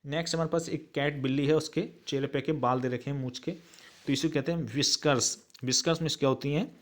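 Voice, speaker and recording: A man teaching a children's English textbook lesson with an Indian English accent, reading English sentences slowly and translating each phrase. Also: on the high side, steady tone. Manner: slow, word-by-word dictation of English with Hindi translation.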